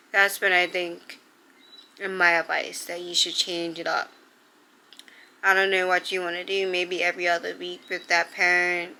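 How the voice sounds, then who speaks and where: Young woman, vlogger, earnest and emotional, bright tense voice, faint background noise. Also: on the low side, low-quality recording. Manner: earnest, heartfelt, full of "like" fillers. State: emotional, near tears. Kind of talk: sit-down advice vlog.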